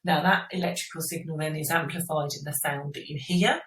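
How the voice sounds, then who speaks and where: Low-voiced yet fairly bright, a woman teacher speaks steadily and fairly quickly as she explains science for a revision lesson in casual steps, often checking the listener is following. A distant microphone gives the recording a roomy echo.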